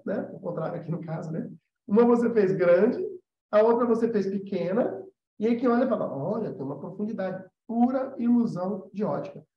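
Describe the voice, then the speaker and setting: A Brazilian animation teacher with a high-pitched, dark-toned voice hosts a casual live class. He speaks conversationally and with emphasis, repeating key points and asking whether listeners follow. The recording carries a roomy echo and a slightly dull sound.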